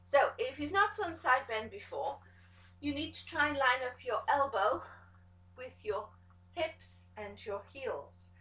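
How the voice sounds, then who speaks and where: A woman pilates instructor giving calm step-by-step cues to an exercise class, encouraging as she goes. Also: sits high, unhurried, distant mic. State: out of breath at times. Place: pilates studio room. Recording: echoey studio room, voice from off the mic.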